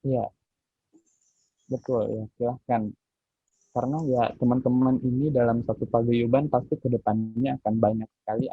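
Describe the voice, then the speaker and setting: A man teaching public speaking in a relaxed, instructive way with frequent fillers, heard over a call. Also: medium pitch, breathy edge, no room sound. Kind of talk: online training session. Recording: muffled phone-like call audio.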